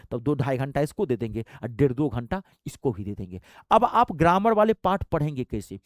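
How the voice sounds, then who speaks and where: A man gives a motivational exam-prep lesson, emphatic and exhorting as he talks straight to weak students. His pitch swings widely between high bursts and low asides. The sound is dry and close, with no room around it. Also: darkish tone, no room sound. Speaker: exam coaching teacher.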